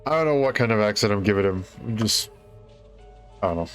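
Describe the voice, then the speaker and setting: A man's voice: fairly low pitch, lively intonation, a little fast. A man streaming a game story read-through, breaking off for self-deprecating, chatty asides. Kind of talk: casual game-story reading commentary. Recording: faint music behind.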